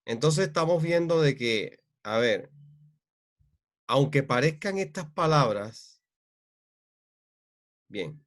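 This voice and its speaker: A man teaching an online grammar class, speaking in a halting way with many fillers and repeated checks for understanding. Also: mid-range voice, expressive.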